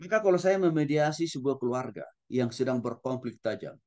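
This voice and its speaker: A male pastor giving a conversational lecture, speaking gently and often turning to address his listeners directly. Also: mid-range voice, expressive, brisk. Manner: soft-spoken, gentle. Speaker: pastor and teacher. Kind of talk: conversational Bible-school lecture.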